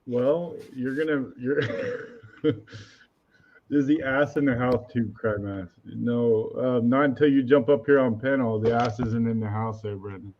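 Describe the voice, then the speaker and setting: A mid-pitched man comes through slightly dull, muffled call audio. He chats casually on a livestream panel, teasing the others and reading chat questions aloud in a loose, bantering way. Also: steady tone, measured pace.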